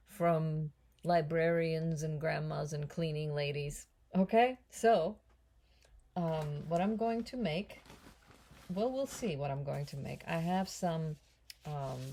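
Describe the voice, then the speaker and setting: A woman in her sixties runs a casual home cooking vlog from her kitchen. Her voice is low, mellow and gravelly, and she talks slowly. She is chatty and self-mocking and laughs often. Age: 60s. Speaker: cooking vlogger and actress.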